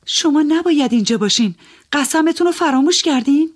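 A man's voice: very high voice, lively intonation, no echo, studio quality, voice pushed up. A man voicing a pious, proud married woman who scolds indignantly in an audiobook. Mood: scolding. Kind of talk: audiobook character voice.

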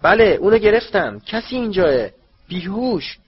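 A man's voice: medium pitch, lively intonation, husky, no room sound. Diggory, a man doing an insistent eager wizard. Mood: shouting. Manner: insistent, raises voice to a shout. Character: eager, self-assured middle-aged wizard official. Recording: dull lo-fi recording.

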